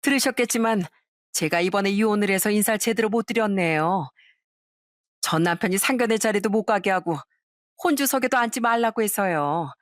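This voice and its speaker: A woman's voice: medium pitch, brisk, dry recording, studio quality, close to an everyday voice. A woman voicing a shameless, pushy middle-aged ex-wife. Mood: brazen. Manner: pushy, self-assured.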